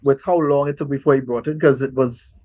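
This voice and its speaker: A man, a guest on a film podcast, speaking in a measured, halting way with fillers. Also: mid-range voice, fairly even intonation, dark tone, no echo. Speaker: guest panelist. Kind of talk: casual film review chat.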